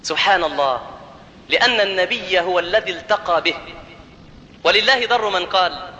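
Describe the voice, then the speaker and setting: A man's voice: sits high, normal speed, bright, forceful tone, in a large hall, muffled recording, slight background noise. A man with an Egyptian accent preaching a storytelling sermon, mixing jokey asides with formal quotes. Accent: Egyptian Arabic.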